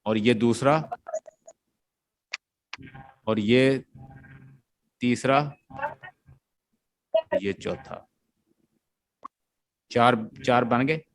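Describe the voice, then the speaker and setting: Man, teacher, classroom lecture, slow deliberate delivery, chants the beats, checks understanding. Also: medium pitch, a little hiss or hum. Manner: explains step by step and chants stress beats aloud; often checks that students understand. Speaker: literature teacher. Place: classroom with students.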